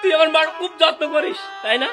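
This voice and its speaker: A man's voice: extremely high pitch, animated, fast, sharp tone, exaggerated voice. A man playing an anguished, furious son over music. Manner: emotional, pleading then scolding, cries out. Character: anguished son, angry at his wife. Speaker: son working abroad. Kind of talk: melodramatic short drama acting. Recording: music underneath.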